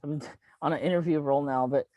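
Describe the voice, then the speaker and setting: Casting: man, 30s, higher-pitched, tipsy and slightly slurred, loose sweary rambling chat, close dry sound. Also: fairly even intonation, a little fast, no room sound, muffled recording. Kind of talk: casual chat, profanity-laden.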